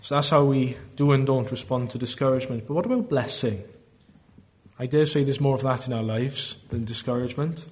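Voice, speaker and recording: A man with a Welsh Valleys accent preaching a sermon in an earnest, deliberate way, often posing rhetorical questions. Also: medium pitch, a little mellow, slight background noise. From South Wales valleys.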